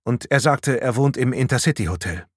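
A man's voice: medium pitch, lively intonation, brisk, no echo, clean studio sound, natural voice. Shaken husband under questioning, stammers and protests, read by a man. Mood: defensive. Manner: stammering, disbelieving. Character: bewildered accused husband.

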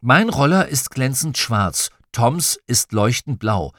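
Lively man reading a children's book. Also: mid-range voice, slow pace, no echo, studio quality. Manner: lively, expressive storytelling. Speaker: audiobook reader. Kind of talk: children's audiobook narration.

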